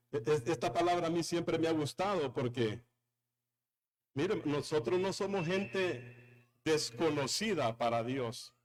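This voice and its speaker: Male pastor, high voice, emphatic sermon delivery that calls on the room. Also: expressive, takes it slowly. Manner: emphatic preaching with repetition and calls to the congregation.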